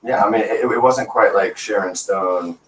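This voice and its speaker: A man's voice: on the low side, moderate pace. Rambling man co-hosting internet radio. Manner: rambling, jokey, many restarts. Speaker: radio show co-host. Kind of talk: casual radio chat. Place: small internet radio studio. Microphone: desk radio microphone. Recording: roomy, distant from the mic.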